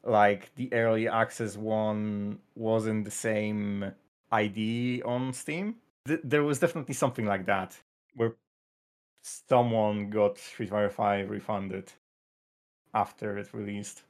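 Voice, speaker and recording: A man on a gaming podcast panel, talking haltingly with many hesitant restarts. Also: fairly low pitch, fairly even intonation. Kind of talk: casual chat.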